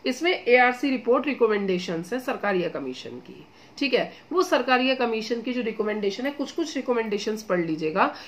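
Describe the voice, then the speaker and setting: An exam-coaching teacher, a woman with a slightly high voice and big pitch swings, talks at a normal speed as she shares casual study advice. Chatty and encouraging, she calls everyone "beta" or "guys," blends in English phrases, and checks in with a repeated "theek hai."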